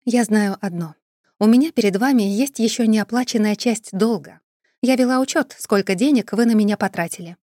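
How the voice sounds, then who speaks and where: A woman's voice: mid-range voice, animated, moderate pace, a little mellow, dry recording, studio quality, natural voice. A woman reading an audiobook voices a cool-headed young businesswoman who speaks curtly and indignantly. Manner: curt and indignant, raised voice.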